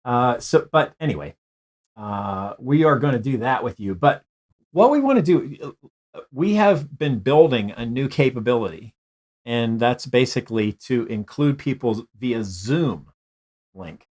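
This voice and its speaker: A man's voice: medium pitch, lively intonation, unhurried, a little mellow. A middle-aged man co-hosting a casual live online show, rambling with many hesitations and restarts. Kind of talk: casual live-stream chat.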